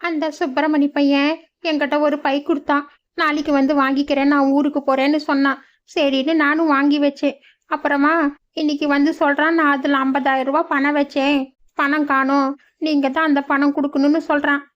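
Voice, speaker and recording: A worried older village mother in a cartoon, pleading through tears, as a woman puts her on. Her voice sits high and strained. The sound is dull and lo-fi. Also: level tone, fairly quick, close to an everyday voice. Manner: pleading, tearful. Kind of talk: cartoon voice acting.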